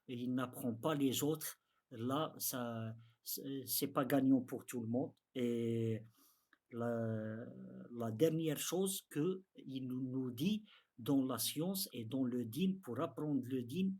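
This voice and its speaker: A man with an Arabic accent teaches a religious lesson in halting, non-native French. His delivery is slow and his mid-pitched voice has a husky grain. He often repeats phrases as he interprets the lesson for beginners. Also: a little mellow.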